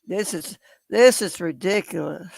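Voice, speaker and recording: A YouTube commentator with a medium-pitched, slightly slow, creaky, and somewhat mellow voice speaks casually to viewers, with no echo on the recording. Indignant and exasperated, he reads out comments, calls them ridiculous, and keeps addressing his audience as folks.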